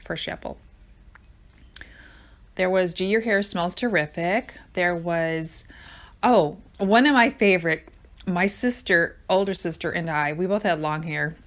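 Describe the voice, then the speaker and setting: An older woman with a somewhat low voice hosts her own podcast. She talks off the cuff, wandering from one thought to the next in a chatty way. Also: unhurried. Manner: rambling, digressive, chatty. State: out of breath. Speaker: podcast host. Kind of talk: casual improvised monologue.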